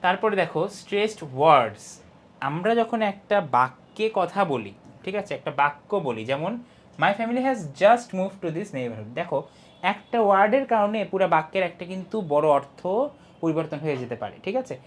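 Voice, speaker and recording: Lively young male English teacher. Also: high voice. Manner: explains step by step, often asks "ঠিক আছে?"; reads English lines slowly and stresses key syllables. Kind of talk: online class lesson.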